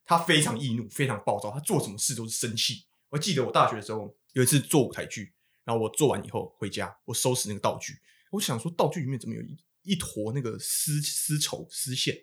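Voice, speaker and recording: Young man, Taiwanese Mandarin accent, rapid, swears casually, echoey room. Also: medium pitch. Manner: swearing, animated retelling, voice jumps up when exasperated. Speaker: podcast co-host. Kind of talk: casual storytelling chat.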